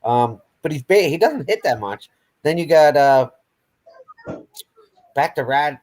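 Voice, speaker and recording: A man's voice: a little high, lively intonation, a little slow, darkish tone. A man co-hosting a hockey podcast, casually running through draft prospects with small hesitations. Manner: easygoing, listing prospects with hesitations. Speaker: podcast co-host.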